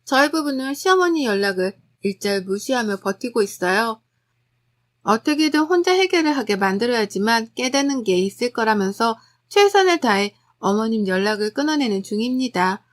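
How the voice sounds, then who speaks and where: A woman's voice: a little high, animated, moderate pace. A woman telling a first-person family story as scripted narration, in a chatty, gossipy confessional way.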